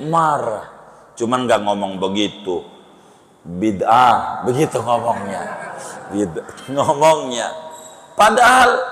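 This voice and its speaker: A man preaching a sermon, joking and conversational, with sudden jumps in pitch. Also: a bit bright. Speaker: Islamic preacher. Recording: long hall reverb.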